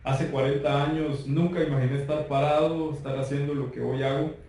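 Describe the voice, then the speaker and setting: A man turning forty with a Guatemalan Spanish accent, telling his life testimony in an earnest, measured way. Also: a little high, fairly even intonation, dark tone. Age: 30s. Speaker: guest giving testimony. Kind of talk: personal testimony. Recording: roomy far-off mic with faint noise.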